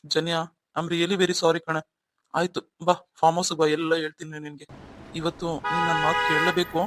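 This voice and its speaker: A man's voice: fairly high pitch, level tone, quick pace, very noisy, close to an everyday voice. Man voicing a coaxing remorseful husband. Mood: pleading. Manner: coaxing, pleading. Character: remorseful young husband, wooing his wife. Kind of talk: cartoon story voice acting.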